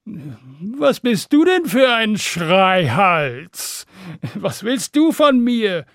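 A man's voice: high voice, sing-song, extremely slow, fairly bright tone, no echo, clean studio sound, voice pushed up, heavily acted. A man voicing a scornful, mocking dragon in a children's fairy tale. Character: huge greedy male dragon, scornful then wary.

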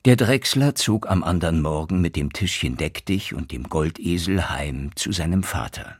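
A man reading a fairy tale aloud in a very dramatic, expressive storytelling manner. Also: low voice, normal speed, husky, no echo, clean studio sound.

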